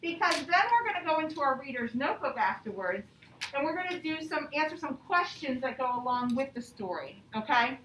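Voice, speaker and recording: A woman with a high, slightly bright voice teaches young elementary students, leading them through a lesson and a storybook with lively intonation at a brisk pace. She's instructive and often checks in with questions, and the recording sounds roomy and a bit distant from the mic, with faint noise.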